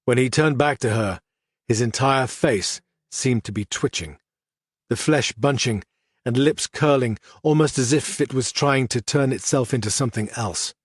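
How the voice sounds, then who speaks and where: A man narrating an audiobook in a measured, even reading style. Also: medium pitch, husky, no room sound, studio quality. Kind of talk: scripted narration.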